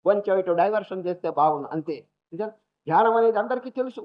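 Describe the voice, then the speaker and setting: High-voiced man giving a spiritual discourse. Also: animated, fast talker. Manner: storytelling, mixes English phrases into his talk. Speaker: swami giving a scripture lecture. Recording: dull lo-fi archival lecture recording.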